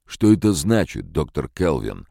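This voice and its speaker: A man voicing a stern, measured older research director in an audiobook. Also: extremely low pitch, gravelly, no room sound, clean studio sound, full character voice. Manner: flat, measured.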